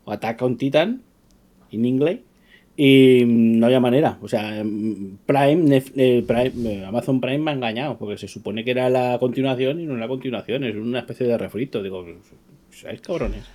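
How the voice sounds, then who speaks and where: A man's voice: medium pitch, normal speed, dark tone. A man with an accent from Spain, talking casually as a podcast co-host. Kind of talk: casual chat.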